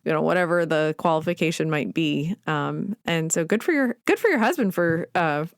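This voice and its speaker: A woman in her thirties hosting a podcast interview, warm and encouraging, thinking aloud as she asks questions. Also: deep voice, animated, normal speed, dry recording, studio quality. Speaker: podcast host. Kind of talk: casual interview chat.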